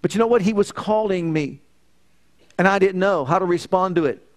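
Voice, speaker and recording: A man's voice: sits high, moderate pace. A middle-aged man preaching a sermon, emphatic, repeating phrases in threes and telling personal stories. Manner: tells personal stories with quoted dialogue.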